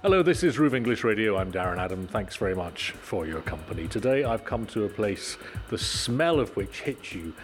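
A man hosting a radio show, interviewing a guest on location in a measured, friendly way. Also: on the low side, big pitch swings, over music. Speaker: radio host.

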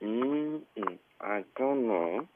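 A man's voice: medium pitch, expressive, drawn-out words, a little hiss or hum. A man heard over the phone, a person called by a radio show, giving short, hesitant answers. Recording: tinny phone line.

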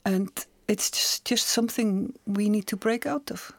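A woman's voice: medium pitch, steady tone, unhurried, dry recording. A woman, an author and journalist, speaking thoughtfully in an interview and often repeating words as she searches for them. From Iceland. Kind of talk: conversational interview.

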